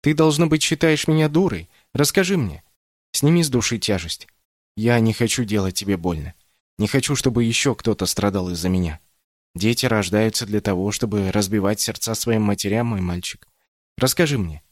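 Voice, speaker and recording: A man's voice: fairly low pitch, moderate pace, no room sound, studio quality, natural voice. A man doing Mama Rila, a loving stern storyteller. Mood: tender. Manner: tender, pleading, then proudly stern.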